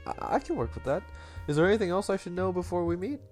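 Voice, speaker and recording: A man's voice: sits high, very animated, quick pace, soft background music, pitched above the performer's own voice. A man voicing a young woman student, stammering and surprised as he reads a game's dialogue. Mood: flustered.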